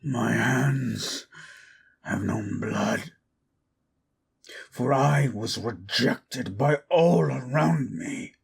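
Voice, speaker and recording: A man playing Frankenstein's bitter, anguished monster in a dramatic audio monologue, with a raspy, gravelly voice and theatrical, archaic, deliberate delivery. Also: mid-range voice, heavily acted. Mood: bitter, wounded. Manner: slow, deliberate, theatrical, archaic formal diction. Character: Frankenstein's monster, bitter, anguished, wrathful abandoned male creation.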